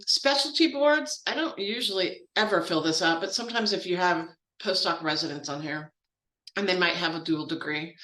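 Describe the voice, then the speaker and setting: A woman trainer walks through a process in a relaxed, talky way, full of asides and fillers. Her voice is bright and forceful, and the sound is roomy and echoey. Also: mid-range voice. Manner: chatty and informal, with frequent fillers and asides. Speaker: grants trainer. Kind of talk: casual software training walkthrough.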